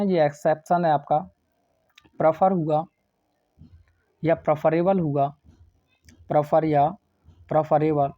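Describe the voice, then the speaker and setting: A man's voice: on the high side, dark tone, no echo. A man teaching English grammar for an exam, asking his students questions and then answering them himself. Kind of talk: exam-prep lesson. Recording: dry, slightly dull sound.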